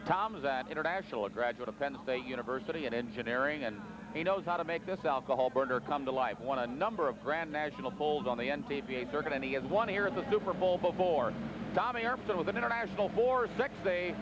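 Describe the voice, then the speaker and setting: A man calling a tractor pull as live play-by-play, in an excitable, folksy way. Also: mid-range voice, fast talker. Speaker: tractor pull announcer and commentator. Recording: noisy outdoor track, engines behind. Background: outdoor ambience and vehicle noise.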